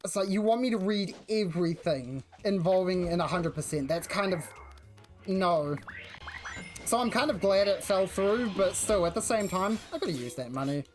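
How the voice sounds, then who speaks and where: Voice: medium pitch, lively intonation, normal speed. Broad New Zealand accent, sex-ambiguous streamer voice. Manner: slangy, rambling, self-interrupting. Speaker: game livestreamer. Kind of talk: casual chat while gaming. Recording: music behind the voice. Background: music.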